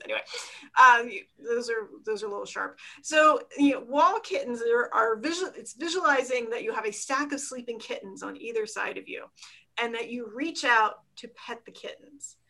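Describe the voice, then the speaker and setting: A woman's voice: a little high, moderate pace, bright, forceful tone, low-quality recording. A woman with a Philadelphia accent, a dance teacher and author, chatting animatedly in an interview and laughing often. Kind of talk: casual interview chat.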